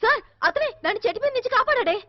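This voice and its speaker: A woman dubbing a young woman friend in a film, questioning quickly and doubtfully. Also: very high-pitched, lively intonation. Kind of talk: Telugu film dub. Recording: dull film soundtrack with music.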